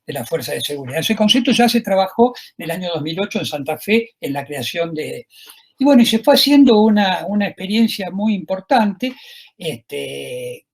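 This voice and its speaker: A husky, slightly high-pitched man with an Argentine accent delivers a university lecture. He talks in a discursive way, stopping often on filler words and checking in with his listeners through tag questions. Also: very animated, moderate pace. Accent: Argentine Spanish. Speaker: law professor lecturing.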